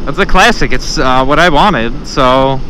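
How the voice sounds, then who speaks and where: A man's voice: medium pitch, unhurried, rough recording. A man giving casual commentary from inside a motorcycle helmet while riding outdoors, as a motorcycle vlogger. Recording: loud wind and engine noise. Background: engine, wind and road noise.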